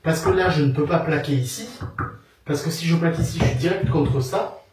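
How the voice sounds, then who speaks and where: A man's voice: a little high, fairly quick. A man explaining his renovation work in a casual chat, sounding exasperated. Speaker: renovator, vlog regular. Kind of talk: casual chat while working. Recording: echoey room, far from the mic, loud noise.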